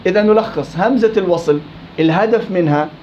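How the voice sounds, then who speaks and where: A man with a Levantine accent teaches recitation in a classroom, firing questions at his students in a very high, quick voice. He teases them as he drills the rules. The recording is dull and lo-fi, with a faint hiss behind him. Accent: Levantine Arabic. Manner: questioning students, teasing and lively. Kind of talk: live classroom lesson.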